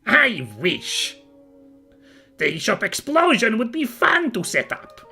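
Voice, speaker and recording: A woman playing a small, curt, shifty kobold servant in a fantasy video game, speaking raspily in clipped broken bursts. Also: fairly high pitch, huge pitch swings, takes it slowly, sharp tone, faint music behind, full character voice. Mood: blunt, matter-of-fact. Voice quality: raspy, creaky.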